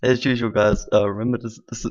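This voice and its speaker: A man's voice: lowish voice, highs cut off. A man hosting a reaction video, laughing and swearing until he is out of breath. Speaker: commentary video host.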